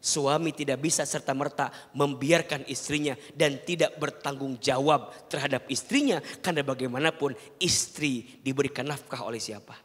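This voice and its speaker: A man's voice: medium pitch, moderate pace, hardly any pauses. A man preaching a televised sermon, earnestly advising and keeping the audience engaged with rhetorical questions. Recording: long hall reverb.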